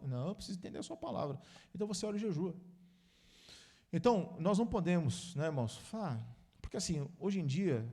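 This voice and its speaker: A man's voice: fairly high pitch, darkish tone. A male pastor preaching a conversational sermon, calling his listeners brothers and acting out short dialogues with church members.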